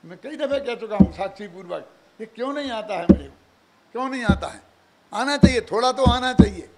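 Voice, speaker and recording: An older man giving a religious discourse, animated, full of rhetorical questions and chuckling asides. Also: very high-pitched, fairly quick, very noisy. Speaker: preacher.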